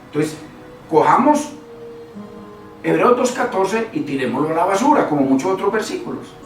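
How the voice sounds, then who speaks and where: A man's voice: high-pitched, sing-song, moderate pace, soft background music. A man preaching a sermon in a conversational way, repeating words and putting rhetorical questions to the listeners. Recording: echoey room, voice from far off, faint noise.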